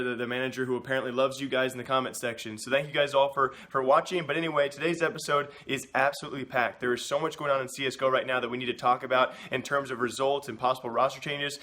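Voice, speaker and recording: A young man hosts an esports news rundown with a voice roughened by sickness. He rattles along at a rapid clip in a bright, forceful tone, stumbling into quick restarts as he goes. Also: medium pitch. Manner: energetic, rapid, frequent restarts. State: sick voice. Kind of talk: casual news commentary.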